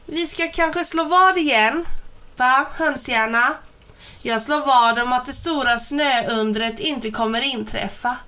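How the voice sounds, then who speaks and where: A woman's voice: high voice, pushed and bright. Woman putting on a sneering schoolboy bully. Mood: taunting. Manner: taunting, sneering. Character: mocking schoolboy bully with gold tooth.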